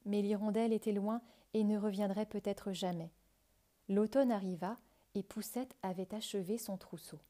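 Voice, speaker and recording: Mellow woman reading a fairy tale. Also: medium pitch, fairly even intonation, normal speed. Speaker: storyteller.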